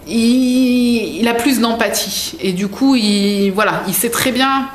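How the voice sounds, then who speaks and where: A woman with a fairly high voice speaks slowly as she vlogs a product unboxing. Her talk is casual and rambling, packed with fillers and self-corrections, and the echoey room carries faint background noise.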